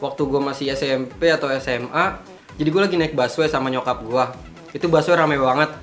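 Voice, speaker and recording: A man in his twenties chatting casually, telling stories in an animated way. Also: mid-range voice, a little fast, loud music behind the voice. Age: 20s. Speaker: guest. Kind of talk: casual chat.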